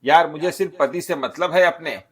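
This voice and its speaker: A restless young newlywed woman, as a man does her speaks in a chatty, offhand, complaining way. Her voice sits noticeably higher and a bit louder than the storyteller's own. She is a figure in a spoken storybook. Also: normal speed, lightly acted. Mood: grumbling. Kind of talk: storybook narration.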